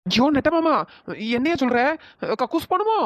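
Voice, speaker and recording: Woman voicing a bossy, sharp-tongued young wife. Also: high voice, lively intonation, normal speed, dry recording, clean studio sound. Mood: bossy mocking. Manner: bossy, mocking, threatening. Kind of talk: cartoon voice acting.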